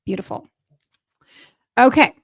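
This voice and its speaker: A woman's voice: a little slow, no echo. A woman hosting an informal spiritual reading, moving between reading aloud and chatty, reflective asides, putting questions straight to her listeners. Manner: reflective, speaks to listeners directly with rhetorical questions. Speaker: spiritual reader and host of a weekly channeling show.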